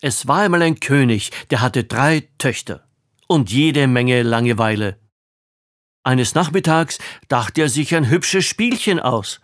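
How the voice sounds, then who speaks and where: A man tells a fairy tale slowly and playfully, with wry asides to his listeners. His pitch rises and falls a lot. The recording is close and dry. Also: lively intonation, no room sound. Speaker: storyteller.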